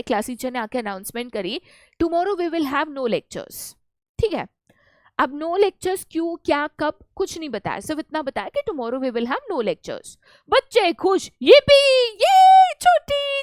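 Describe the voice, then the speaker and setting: Lively Indian woman teaching in high voice. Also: no echo, clean studio sound. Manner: lively, acts out little scenes with playful voices. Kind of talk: online lecture in Hindi mixed with English.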